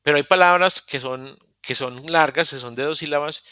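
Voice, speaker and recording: A man's voice: a little high, moderate pace, bright, forceful tone, smooth, dry recording, clean studio sound. A man teaching an English class over a video call, explaining step by step and often restarting his sentences. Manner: explains step by step with many restarts and self-corrections. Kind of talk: live online class explanation.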